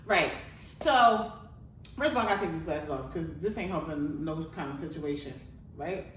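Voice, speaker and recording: A woman's voice: low voice, animated, normal speed, a bit bright, distant mic, a little hiss or hum. A woman co-hosting a podcast in laid-back, slangy banter, laughing often. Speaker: podcast co-host. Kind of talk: casual chat. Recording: echoey room from off mic.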